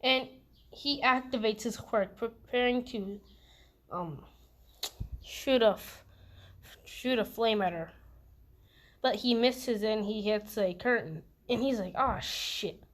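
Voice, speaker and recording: Girl rambling through a made-up fan story, slow, lots of ums. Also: a little high. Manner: hesitant, with many ums and restarts. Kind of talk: improvised casual storytelling.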